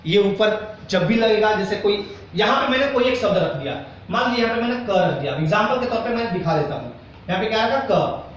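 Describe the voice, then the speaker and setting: A man's voice: sits high, lively intonation, brisk, heavy reverb, recorded from a distance, lo-fi sound, slight background noise. A male Hindi teacher giving a grammar lesson to a class, asking questions often and acting out students' doubts. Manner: acts out students' doubts in quoted asides.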